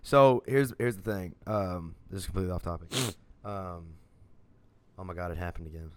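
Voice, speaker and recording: Casual podcast co-host, male, lower pitch, profane, animated storyteller. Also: normal speed, noisy background. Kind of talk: casual chat.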